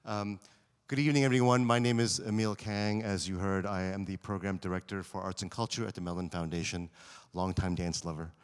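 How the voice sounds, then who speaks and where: A man with a fairly low voice makes reflective opening remarks from a theater stage, stopping now and then on um and uh. A long reverb from the hall follows his words. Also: fairly even intonation, fairly quick, clear, resonant tone. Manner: reflective, with frequent um and uh. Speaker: foundation program director, panel moderator. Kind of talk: onstage panel remarks.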